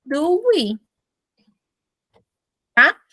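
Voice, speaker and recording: A Brazilian Portuguese-accented woman teaching English grammar with playful, animated explanations. Her voice sits high, and the sound is dry and close with no room around it. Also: very slow, no room sound. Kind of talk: classroom grammar lesson.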